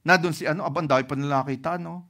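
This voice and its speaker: A man's voice: a little high, rapid-fire. A man with a Filipino accent preaching a sermon as pastor, telling stories and often checking in with the congregation. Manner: lively storytelling with frequent "ano?" and "no?" checks to the congregation.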